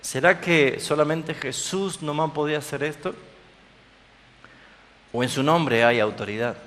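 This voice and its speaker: A man's voice: on the high side, a little slow, a bit bright, big-room sound. A man preaching a sermon to his congregation, emphatic, with frequent questions to them. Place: church.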